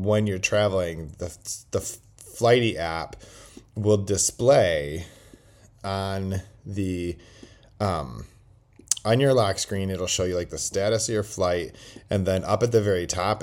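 A man hosting a podcast in casual chat, rambling and joking, recorded on a laptop's built-in microphone. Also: low-pitched. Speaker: podcast host. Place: quiet indoor place while traveling.

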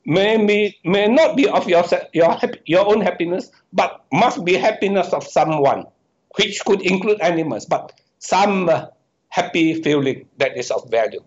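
A slightly high-pitched man speaks as a professor giving an interview. He reasons step by step, stops mid-word and corrects himself. The recording is dull and muffled, like lo-fi audio. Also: animated. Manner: halting, self-correcting, explaining step by step. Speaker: economics professor, guest. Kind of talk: answering questions in a podcast interview.

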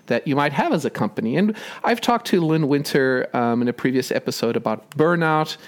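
A man's voice: medium pitch, animated, brisk. A man hosting a podcast, asking loose, conversational questions with frequent fillers. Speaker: podcast host. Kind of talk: interview.

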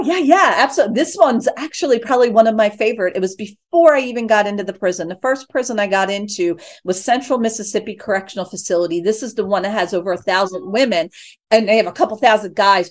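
A woman guest telling faith stories about her prison ministry, quick and enthusiastic. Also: medium pitch. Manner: fast, enthusiastic, storytelling with laughs. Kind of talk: animated faith interview.

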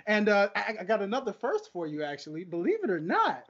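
A man's voice: high voice, huge pitch swings, brisk, a bit bright, lo-fi sound. A man hosting a podcast in casual, slangy interview chat, chummy and repeating words for emphasis. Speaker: podcast host.

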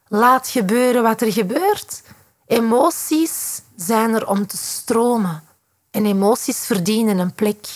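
A woman's voice: medium pitch, breathy edge. A woman with a Flemish accent, a psychotherapist explaining in a podcast monologue, who acts out short quoted reactions as she goes.

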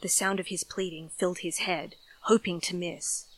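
A woman's voice: on the low side, steady tone, moderate pace, a bit bright, poor audio. A woman narrating a scripted horror story in a dramatic storytelling style.

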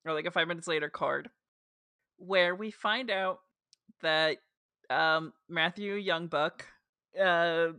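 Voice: mid-range voice, takes it slowly, long pauses, bright, forceful tone, clean tone, no room sound. A podcast co-host with a New Jersey accent, chatting casually and retelling scenes with lots of "like" fillers. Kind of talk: casual chat recapping a show.

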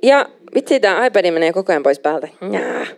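Animated woman preaching a sermon. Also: on the low side, creaky. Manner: animated, emphatic, mixes in English phrases.

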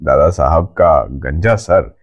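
Deep, slow male storybook narrator. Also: muffled recording.

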